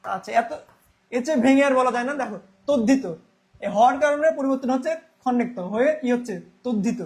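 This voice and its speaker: A man's voice: extremely high pitch, fast talker. A young man teaching a Bangla grammar class, repeating key terms and asking then answering his own questions.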